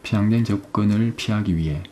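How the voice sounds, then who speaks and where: Walking through an exam passage one step at a time, a male English teacher keeps asking "right?" and reads English phrases out slowly. He speaks in a lowish, dark-toned voice over a faint hiss or hum.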